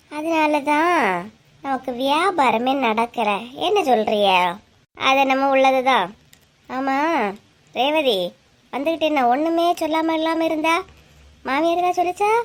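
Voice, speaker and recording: A woman with a Kanyakumari Tamil accent voicing chatty, gossiping village women neighbors in a cartoon. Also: sits high. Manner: chatty, teasing, rapid back-and-forth. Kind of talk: cartoon voice acting.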